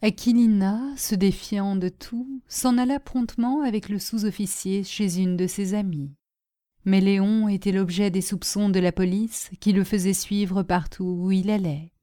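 A woman narrating a literary novel aloud, measured and steady. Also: mid-range voice. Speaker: audiobook narrator.

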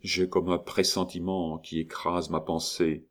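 A man reading a novel aloud, voicing a timid, suffering young notary in a low, hushed voice. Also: little pitch movement, unhurried.

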